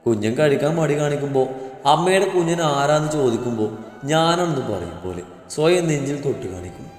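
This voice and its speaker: A man reads a romantic story aloud in a soft, tender way. His voice sits slightly high for a man and rings with long reverb. Faint music plays underneath. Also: lively intonation, a little fast. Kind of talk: storybook narration.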